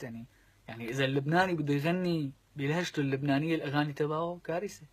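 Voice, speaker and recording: A Syrian man with a Syrian Arabic accent, a singer chatting casually to camera and explaining his point with quick sung examples. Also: a little high, husky. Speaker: singer and vlogger.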